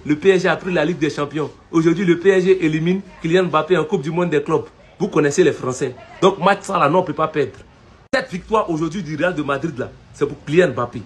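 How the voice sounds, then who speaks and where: Husky brash football fan. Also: male voice, fairly high pitch, brisk. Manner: brash, taunting, rallying. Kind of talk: casual fan rant to camera.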